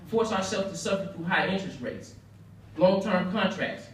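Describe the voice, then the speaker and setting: Recorded from afar in a very echoey banquet room with faint background noise, this earnest young American delivers his prepared speech in an animated way at a moderate pace. His somewhat high voice hammers home points through emphasis and repeated phrases.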